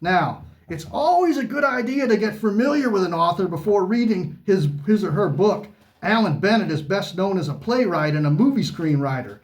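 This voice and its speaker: A man's voice: high voice, expressive, moderate pace. A man voicing a brash, boastful pro-wrestler persona who talks in showy wrestling trash talk while co-hosting a book chat. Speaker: co-host.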